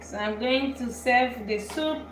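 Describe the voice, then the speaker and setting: A woman's voice: a little high, measured pace, reverberant, a little hiss or hum, rough recording. A woman from Belgium hosting a live cooking show, chatting and explaining each step as she works in her kitchen. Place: home kitchen.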